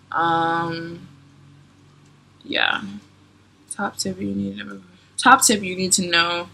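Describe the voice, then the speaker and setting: Bright, giggly young woman vlogger. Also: fairly low pitch, creaky, a little hiss or hum. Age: 20s. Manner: chatty, giggly, lots of "like" and "um". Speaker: travel vlogger. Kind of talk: casual Q&A vlog.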